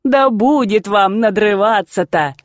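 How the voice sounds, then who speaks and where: A woman doing a gentle old grandmother. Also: medium pitch, a little slow, no echo, clean studio sound, close to an everyday voice. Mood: amused. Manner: soft, pleading, homely speech. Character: gentle old grandmother, soft-spoken and calming.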